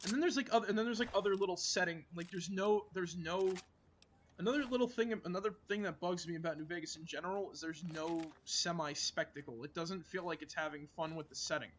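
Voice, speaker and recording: A man's voice: sits high, a little fast, fairly bright tone, slight background noise. A man streaming a game, chatting casually and rambling with lots of filler words and restarts. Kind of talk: casual gaming chat.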